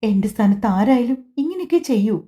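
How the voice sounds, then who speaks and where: A woman voicing a remorseful, tender young husband in a family audiobook, speaking softly and apologetically. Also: a little high, animated, fast, lightly acted. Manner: soft, apologetic. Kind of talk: audiobook dialogue.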